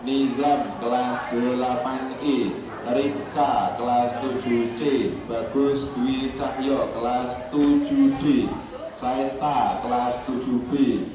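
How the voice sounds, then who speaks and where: A man making a formal announcement over a school loudspeaker, reading out students' names in an even, formal tone. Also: mid-range voice, slow pace, a crowd in the background. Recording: echoey loudspeaker from far off, noisy.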